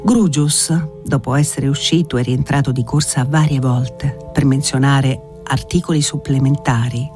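A man narrating a literary audiobook in a measured, expressive storytelling manner. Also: medium pitch, soft background music.

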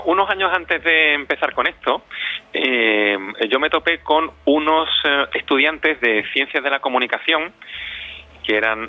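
A community radio director answers interview questions in a conversational, reflective way, often repeating words while hunting for the right phrasing. His voice sits in the mid range. The recording is dry, with a dull lo-fi sound.

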